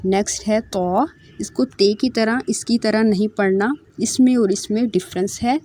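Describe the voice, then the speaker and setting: A woman teaching Quran letter pronunciation, repeating each letter slowly several times and then explaining calmly. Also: mid-range voice. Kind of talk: slow letter-by-letter pronunciation lesson.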